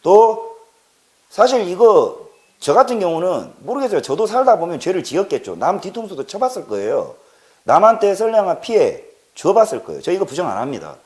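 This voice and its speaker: A man from Jeolla who talks in a fairly high, very animated voice. His delivery is emphatic: he repeats words for stress, fires off rhetorical questions and swings from loud to low. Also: brisk. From Jeolla, South Korea. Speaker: political commentator. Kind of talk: impassioned political monologue.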